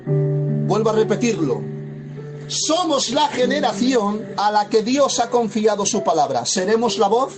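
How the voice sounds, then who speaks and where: A pastor from preaches in a high, ringing voice. He delivers his sermon fervently and leans on repeated phrases for emphasis. A plucked guitar plays clearly underneath him. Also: lively intonation, unhurried. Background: soft guitar music.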